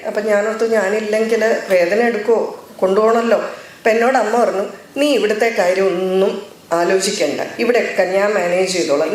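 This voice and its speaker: A woman's voice: a little high, a little mellow. Woman, middle-aged, devotional talk in an echoey hall, storytelling speaker. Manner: storytelling, quoting others in dialogue. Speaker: speaker at a religious gathering. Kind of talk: devotional speech with personal story.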